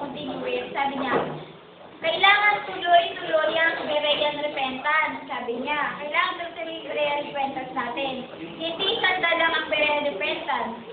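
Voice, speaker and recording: A woman's voice: high-pitched, noisy background. A woman teaching a Bible study, retelling a preacher's points and repeating "he said" again and again. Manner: keeps repeating "sabi niya" while retelling a preacher's points. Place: chapel hall. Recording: tinny, echoey, distant lo-fi hall recording.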